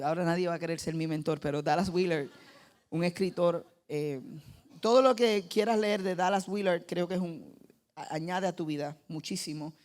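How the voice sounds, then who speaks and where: A man's voice: high-pitched, a little mellow. A man pastor preaching a sermon, earnest and building to emphatic exhortation, with prayer woven in. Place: church service on stage. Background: live keyboard playing.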